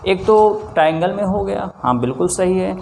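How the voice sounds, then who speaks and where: Teacher who quizzes and answers himself. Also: male voice, high voice, animated, moderate pace, vocal fry, darkish tone, a little hiss or hum. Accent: Hindi-speaking north Indian. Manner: repeats rhetorical questions and answers them himself; often adds a checking 'theek hai'. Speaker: maths teacher. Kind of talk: classroom lesson.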